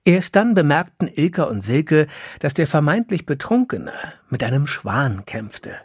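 A narrator reading a humorous story aloud in a lively storytelling manner. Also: medium pitch, a little slow, slightly rough, no echo, studio quality. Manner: lively storytelling, acts out quotes. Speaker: audiobook narrator.

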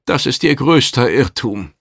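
A man voicing a composed, persuasive male teleporter who speaks with measured confidence. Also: mid-range voice, lively intonation, creaky, a bit bright, no room sound, clean studio sound, voice pushed up, heavily acted. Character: calm, self-assured male teleporter visitor.

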